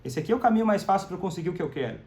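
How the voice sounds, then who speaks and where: A man's voice: sits high, expressive, rapid-fire, a little mellow. A man hosting a live stream, talking to viewers in a conversational way, asking them questions and acting out example phrases. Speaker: host of a live stream on family communication about alcoholism.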